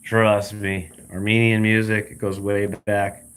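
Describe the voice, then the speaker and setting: A man's voice: on the low side, flat delivery, unhurried, a bit bright, clean tone. A man talking in a blunt, rambling, repetitive way in a casual vlog rant, recorded outdoors by a road. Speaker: realtor vlogger.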